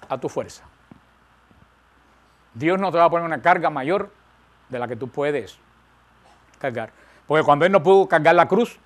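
A man preaching a sermon, emphatic, rising and falling, repeating phrases for stress. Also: on the high side.

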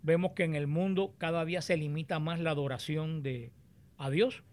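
A man teaching on the Bible, explaining and reading scripture aloud in a deliberate, explanatory way. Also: fairly high pitch, fairly even intonation, darkish tone.

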